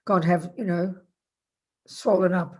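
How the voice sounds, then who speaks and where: An older woman teaching informally online, chatty and self-deprecating, with a cold, a croaky voice and a swollen lip hampering her speech. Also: lowish voice, fairly even intonation, a little slow, darkish tone. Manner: speaking with a swollen lip, mouth movement hampered. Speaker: Buddhist teacher. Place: online video call.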